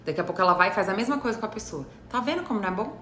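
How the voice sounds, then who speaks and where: A woman's voice: mid-range voice, animated, very fast, pushed and bright. A woman with a Brazilian Portuguese accent explains ideas to a live audience as a psychologist, teacherly and stopping often to check that everyone is following. Her mid-range voice sits in a roomy, echoing space. A faint noise runs underneath.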